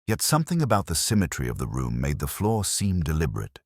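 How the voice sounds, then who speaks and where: A male actor with an extremely deep, slightly mellow voice narrates a detective story in the first person, playing a brooding police inspector in a full character voice. His solemn, literary delivery has measured phrasing and huge pitch swings, giving a somber, reflective mood. The dry recording suits a reflective audio drama.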